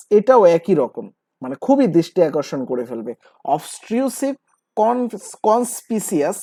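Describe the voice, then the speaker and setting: Male teacher, repeats words, asks and answers himself, warm tone, close dry recording. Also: high-pitched, no echo. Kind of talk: recorded grammar lesson.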